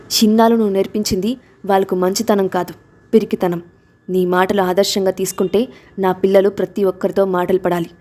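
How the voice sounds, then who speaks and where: A woman's voice: mid-range voice, flat delivery, brisk, lightly acted. Woman reading as a fierce, protective father. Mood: stern. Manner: stern, forceful warnings.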